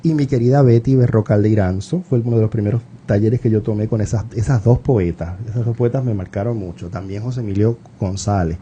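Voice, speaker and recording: A middle-aged Puerto Rican man with a very dark, mellow voice talks as a guest on a radio interview. He reminisces warmly, with fillers and restarts, over a faint hiss. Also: fairly low pitch, fairly quick, few pauses, highs cut off. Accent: Puerto Rican Spanish. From Puerto Rico. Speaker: writer and professor, radio guest.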